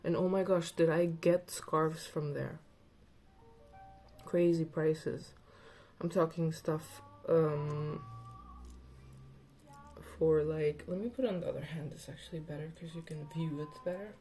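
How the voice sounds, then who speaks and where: Woman, slight lisp, low voice, unhurried, rambling casual vlog chat, faint music behind. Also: steady tone, mellow. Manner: rambling, chatty, with many fillers.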